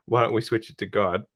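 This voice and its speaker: A man hosting a podcast interview in a relaxed, encouraging way. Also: lowish voice, dry recording, studio quality. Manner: relaxed, encouraging, short reactions. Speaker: podcast host. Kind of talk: casual interview.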